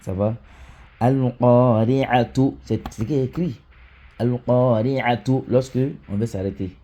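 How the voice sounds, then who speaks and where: A man teaching Quran recitation, chanting example words slowly and often checking in with the listener. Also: fairly low pitch, mellow, husky. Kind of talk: teaching lesson.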